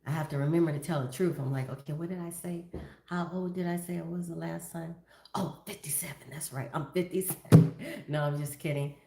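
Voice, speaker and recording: A woman's voice: sits low, steady tone, a little fast, vocal fry, warm tone, a little hiss or hum. A woman in her fifties hosting a casual livestream, greeting viewers by name and chatting about her day. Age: 50s. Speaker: livestream host. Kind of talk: casual livestream chat reading viewer comments. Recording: echoey room.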